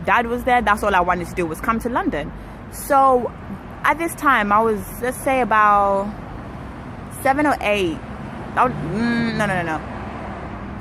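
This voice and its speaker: A young woman from Kenya telling a personal story to her viewers in a chatty, animated way, outdoors while waiting for a ride. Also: medium pitch. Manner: chatty, animated, self-correcting. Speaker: vlogger. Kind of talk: casual storytelling to camera. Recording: street traffic noise behind.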